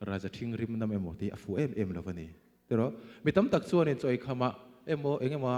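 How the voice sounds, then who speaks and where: Emphatic preacher with a dark voice. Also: male voice, on the low side, in a large hall. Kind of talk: sermon.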